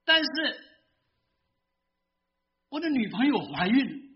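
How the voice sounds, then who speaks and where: A man's voice: extremely high pitch, big pitch swings, takes it slowly, muffled recording, pitched above the performer's own voice, exaggerated voice. A man voicing a remorseful old male professor in a confession, told within a sermon. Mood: anguished.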